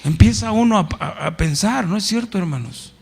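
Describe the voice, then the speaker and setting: A man's voice: sits high, animated, normal speed, vocal fry, slightly rough. A middle-aged man with a Mexican Spanish accent, a pastor preaching in church in a conversational way and putting questions to the congregation. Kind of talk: sermon.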